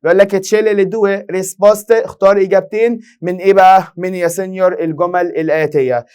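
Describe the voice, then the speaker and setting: A man's voice: sits high, fairly even intonation, quick pace, a little mellow, clear, resonant tone. A young Egyptian man with an Egyptian Arabic accent teaching an exam-prep lesson, firing rhetorical questions at students and answering them himself. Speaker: Italian language teacher.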